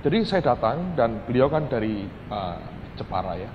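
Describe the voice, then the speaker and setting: Man preacher, lively storytelling sermon, reverberant hall, dull sound, audible noise behind. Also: mid-range voice, normal speed. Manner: animated, addresses listeners as "saudara", grows loud and excited while retelling. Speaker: pastor.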